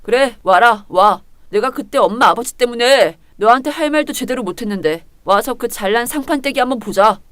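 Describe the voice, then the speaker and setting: A woman voicing an angry older brother who talks gruffly and coldly. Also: lively intonation, moderate pace, hardly any pauses, a bit bright, dry recording, clean studio sound. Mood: contemptuous. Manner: gruff, cold, lowered voice.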